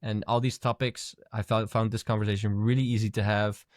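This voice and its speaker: A man's voice: fairly low pitch, level tone, brisk, dry recording, studio quality. A man co-hosting a podcast in casual chat, thoughtful and musing as he talks. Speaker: podcast co-host.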